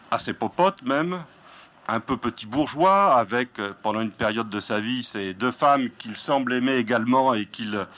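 A man speaking as an interviewer, giving a formal, erudite introduction in measured, carefully built phrases. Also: medium pitch, fairly bright tone. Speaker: interviewer introducing a guest author.

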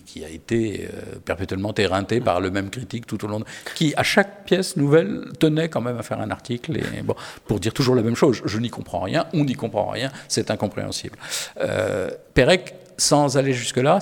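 A man's voice: fairly low pitch, vocal fry, long reverb tail. A man talking about literature as an editor, hesitant, with many fillers and restarts. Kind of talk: spoken literary discussion.

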